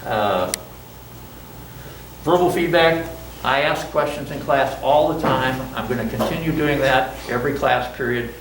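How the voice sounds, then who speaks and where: An unhurried, medium-pitched older man lectures college students while masked, keeping it chatty with self-deprecating jokes and questions to the class. The recording has a roomy, distant classroom sound and slight background noise.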